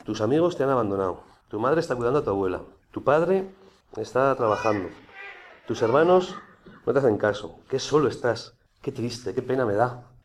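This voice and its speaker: A man voicing a nagging male inner voice that speaks slowly and softly, with false sympathy. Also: mid-range voice, expressive, a little hiss or hum, lightly acted. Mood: pitying. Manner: soft, slow, falsely sympathetic.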